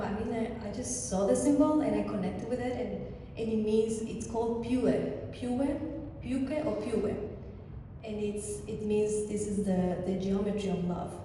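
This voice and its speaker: A woman from Chile with a Chilean Spanish accent, a native Spanish speaker, talking casually to an audience as a guest artist, animated, with many restarts. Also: medium pitch. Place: church hall. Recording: distant echoey hall with faint noise.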